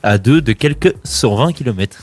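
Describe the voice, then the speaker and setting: A man's voice: medium pitch, lively intonation, moderate pace, slightly rough. A man reading sports news on a radio show, stumbling and restarting on names. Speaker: radio co-host. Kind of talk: read sports briefs.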